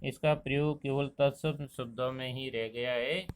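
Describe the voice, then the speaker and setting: A man teaching a Hindi grammar lesson, explaining pronunciation slowly and deliberately and drawing out each example word. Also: mid-range voice, steady tone, slight background noise. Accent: Rajasthani Hindi. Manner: slow, deliberate explanation, stretching out example words. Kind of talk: classroom lesson.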